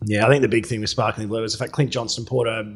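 Australian man, husky voice, quick pace, confident racing tips, casual podcast chat. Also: on the low side, flat delivery. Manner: emphatic, confident tipping.

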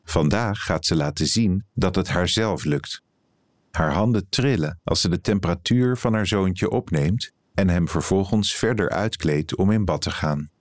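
A man, an editor, reading a written reportage aloud in calm, even scripted narration. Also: sits low, measured pace, no echo, studio quality.

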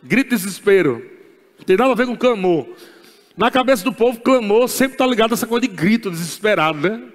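A Brazilian man preaching a sermon in a high voice, driving his points home by repeating them, with laughs breaking in. His words echo with the long reverb of a church hall. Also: expressive, fast talker. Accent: Brazilian Portuguese. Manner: emphatic and repetitive, laughing as he preaches. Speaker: pastor.

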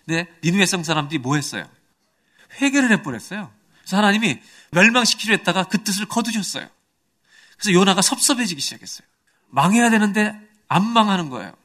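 A middle-aged man preaching a sermon in a fairly high voice. He asks the congregation questions, drops low for quiet, intimate moments and climbs to fervent, animated exhortation. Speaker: pastor.

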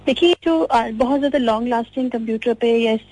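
A woman's voice: fairly high pitch, a little fast, darkish tone, slightly rough. A woman calling in over the phone and giving health tips, earnest and instructive with some hesitant restarts. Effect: heard over a phone line. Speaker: caller.

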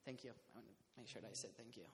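A man's voice: mid-range voice, very fast. Young man from Costa Rica, easygoing group chat, lots of laughs and fillers; echoey room with faint background hiss. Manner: laughing often, rambling with fillers. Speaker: community house resident. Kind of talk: casual group conversation. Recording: reverberant room, faint noise.

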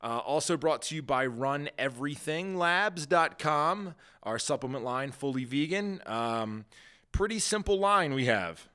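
A man's voice: on the high side, lively intonation, measured pace, bright, forceful tone. A man in his thirties hosting a casual podcast, rambling and laid-back, laughing easily. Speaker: podcast host. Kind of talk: casual chat.

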